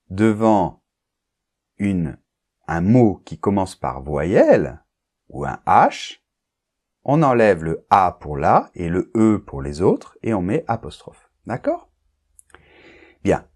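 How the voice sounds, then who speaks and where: Male language teacher, lower voice, very unhurried lesson delivery, keeps checking in with learners. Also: a little mellow, slightly rough. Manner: slow, deliberate, checks understanding with frequent "d'accord?". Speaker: French teacher. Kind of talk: explaining a grammar lesson.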